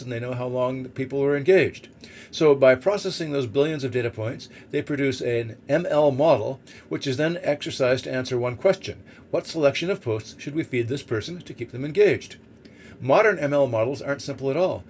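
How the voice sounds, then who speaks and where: A man records on a boat with faint heating noise behind him, reading an article aloud at a middling pitch. He hosts his own podcast, explaining and arguing his points with asides and rhetorical questions. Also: darkish tone. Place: on a boat in a snowstorm. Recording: clear background heater noise aboard boat. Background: background noise of boat heating.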